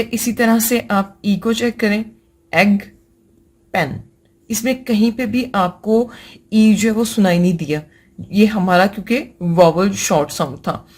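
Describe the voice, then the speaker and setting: A woman with a Pakistani accent teaching English grammar in a lecture, patiently repeating example words and mixing English terms into her explanations. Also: medium pitch. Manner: patient, repeats example words slowly and often says "theek hai". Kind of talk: classroom lecture explaining vowel sounds.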